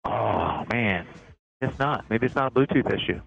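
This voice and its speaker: A man's voice: on the low side, animated, moderate pace, vocal fry, a bit bright, breathy edge. A man calling into a live podcast as a guest, his voice coming through a call connection like over a radio, joking in CB-radio style. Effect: voice heard through a call connection, like over a radio. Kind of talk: casual chat. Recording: muffled lo-fi call line.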